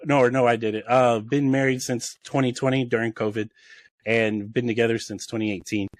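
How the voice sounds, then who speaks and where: A man's voice: medium pitch, level tone, moderate pace, dry recording. A man on a podcast call, telling rambling stories with many restarts and laughing at his own jokes. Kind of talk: casual chat, storytelling.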